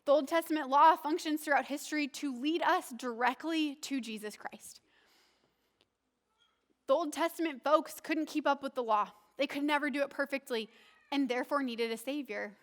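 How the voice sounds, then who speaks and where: A woman's voice: high voice, normal speed. A woman pastor preaching a sermon in a conversational, earnest way, often asking the listeners questions.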